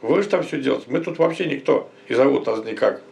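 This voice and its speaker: A man's voice: medium pitch, animated, fast, gravelly, a little mellow, slight background noise. A man chatting casually and bluntly, with slang and swearing. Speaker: village resident being interviewed. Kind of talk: casual chat.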